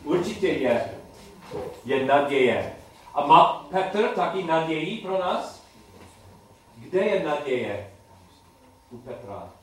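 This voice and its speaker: A man leads a class with questions, haltingly and repeating himself in simple phrases. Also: a little high, very animated. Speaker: teacher leading a Bible study class. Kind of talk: interactive lesson with questions to the group. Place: echoey room with a group. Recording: very echoey room, distant mic, faint noise.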